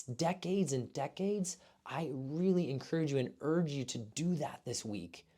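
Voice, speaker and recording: A man, a physical therapist, giving an earnest, heartfelt motivational talk to his clients, urging them warmly. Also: medium pitch. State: emotional at moments. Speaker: physical therapist and gym owner.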